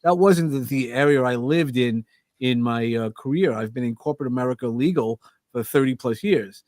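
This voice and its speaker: Middle-aged Brooklyn-accented male guest, joking and animated, a dry close sound. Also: medium pitch, normal speed, dry recording. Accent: New York (Brooklyn). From Brooklyn, New York. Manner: animated, joking, self-interrupting. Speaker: podcast guest. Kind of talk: casual interview chat. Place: remote video call.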